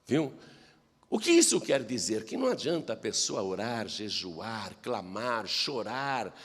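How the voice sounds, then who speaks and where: Brief: male Brazilian preacher, gravelly voice, theatrical sermon delivery, long hall echo. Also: on the low side, sing-song, measured pace. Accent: Brazilian Portuguese. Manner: dramatic, swinging between loud exhortation and hushed asides. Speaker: pastor.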